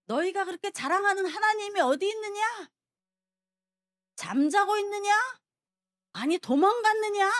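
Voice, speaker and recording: A woman preacher voicing a boastful giant male warrior who shouts taunting challenges at his enemies, in a high, lively voice. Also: a little fast.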